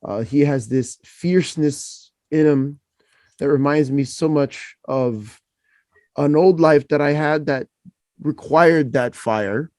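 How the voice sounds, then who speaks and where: A man's voice: on the high side, slow, a little mellow, no echo, clean studio sound. A man hosting a casual podcast interview, who jokes and laughs often as he talks. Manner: laughs often, friendly and joking. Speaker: podcast host. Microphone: podcast microphone.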